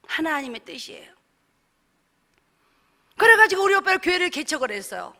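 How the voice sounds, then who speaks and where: Middle-aged woman testifying from the pulpit, high and bright, lively storyteller who acts out every exchange. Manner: animated storytelling, acting out dialogue. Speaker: church deaconess giving testimony. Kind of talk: sermon testimony.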